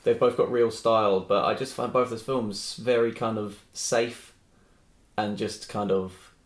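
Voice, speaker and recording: A man hosting a casual film discussion podcast, with hesitant, halting phrasing. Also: lowish voice, steady tone. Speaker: podcast host. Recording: roomy, echoing room sound.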